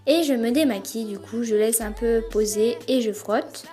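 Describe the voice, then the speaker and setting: A woman's voice: on the high side, normal speed, dark tone. A young woman giving a casual, hesitant voice-over of her routine, with many fillers. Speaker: beauty vlogger. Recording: voice-over with faint music behind.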